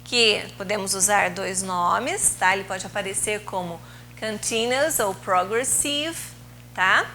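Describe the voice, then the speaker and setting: Slow, bright-voiced woman teacher. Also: medium pitch, slight background noise, rough recording. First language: Portuguese. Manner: slow, patient explaining with drawn-out words. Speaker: English teacher. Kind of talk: recorded video lesson.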